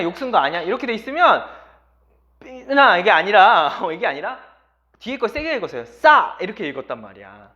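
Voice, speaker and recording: Male language teacher, high and animated, quizzes the class nonstop, dull lo-fi audio. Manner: lively, constantly quizzing students. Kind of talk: classroom lecture.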